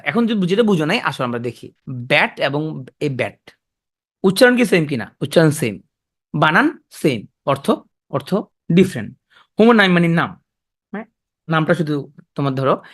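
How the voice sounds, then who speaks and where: A man teaching literary terms in a loose, chatty lecture. His voice sits a little high for a man, and he keeps tossing quick questions to his students. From Bangladesh. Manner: conversational, asks students quick check questions. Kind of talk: exam-prep literature lecture.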